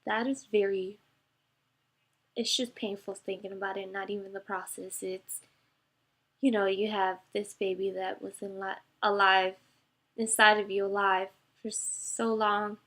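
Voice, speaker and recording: A young woman vlogger telling a painful personal story to camera, halting with many fillers and emotional at times. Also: medium pitch, bright, forceful tone.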